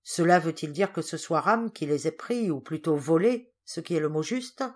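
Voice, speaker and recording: A woman's voice: low voice, expressive, normal speed. A woman voicing a proud, scornful governess cousin in an audiobook. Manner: scornful, reproachful.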